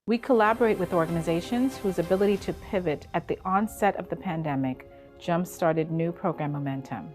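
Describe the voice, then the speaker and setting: A woman reading a smooth, upbeat promotional voice-over. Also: lowish voice, a little fast, darkish tone, soft background music.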